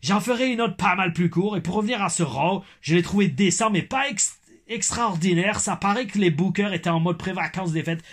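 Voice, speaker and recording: A man's voice: sits high, fairly quick, pitched above the performer's own voice. A man reading a viewer's comment in an exaggerated, slipping put-on Québécois accent, playing a cheerful male wrestling fan. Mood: jokey. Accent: mock Québécois. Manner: exaggerated drawl, slips into other accents.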